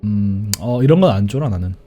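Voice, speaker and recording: A man's voice: fairly low pitch, expressive, brisk, warm tone, highs cut off, faint music behind. A man streaming a horror game with casual commentary, easily scared, grumbling and swearing as he plays.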